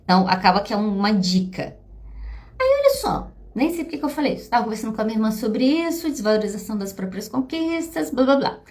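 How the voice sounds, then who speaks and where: A woman's voice: fairly high pitch, big pitch swings, fast talker, darkish tone. A Brazilian woman, a psychologist hosting a podcast, talking casually and confidingly to her listeners. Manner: chatty, confiding, addresses listeners as "gente". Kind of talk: casual personal talk to listeners.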